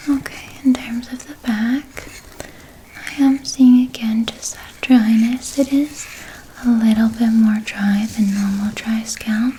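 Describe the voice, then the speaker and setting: A woman playing a gentle, caring spa hair therapist in a whispered role-play, speaking in a soft breathy whisper and reassuring her client as she explains. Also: fairly high pitch, a little hiss or hum, rough recording.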